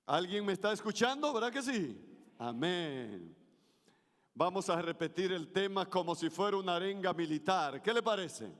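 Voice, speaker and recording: A man's voice: high voice, big pitch swings, normal speed, a bit bright. A middle-aged man preaching a sermon as pastor, playing with his intonation for emphasis and leading the congregation in call-and-response. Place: church sanctuary. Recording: reverberant church hall.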